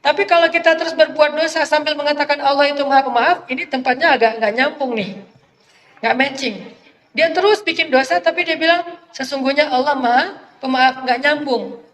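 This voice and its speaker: A male preacher telling a religious story in a casual, conversational sermon, animated and chatty. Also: very high-pitched, fairly quick. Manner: conversational, animated retelling with acted quotes. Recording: echoey hall, faint noise.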